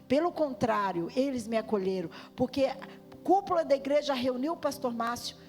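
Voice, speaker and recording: A woman giving an emotional testimony sermon, swinging from loud cries to hushed tones. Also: sits high, animated, moderate pace. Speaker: guest preacher. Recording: music playing behind the voice.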